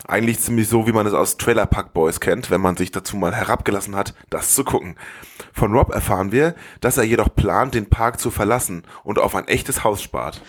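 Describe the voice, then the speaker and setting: A man's voice: lowish voice, fairly quick, slightly rough. A man narrating a film recap in a wry, sarcastic way. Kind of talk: scripted narration.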